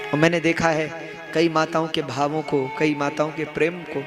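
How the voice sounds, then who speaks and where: A young man telling a devotional story as a sermon, with rhetorical questions and warm appeals to his listeners. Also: on the high side, level tone, moderate pace. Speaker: kathavachak (religious storyteller). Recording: music in the background.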